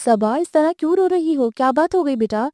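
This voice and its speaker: A woman's voice: a little high, mellow, no echo, clean studio sound, natural voice. A woman reading a novel aloud, voicing an anxious, scolding older mother in a raised voice. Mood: worried. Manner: fussing, coaxing. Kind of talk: audiobook character voice.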